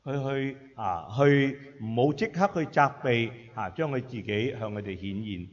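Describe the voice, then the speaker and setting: A man's voice: mid-range voice, lively intonation. Male sermon interpreter in an echoey hall. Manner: measured, with frequent filler sounds between phrases. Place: church hall. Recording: echoey hall, dull sound.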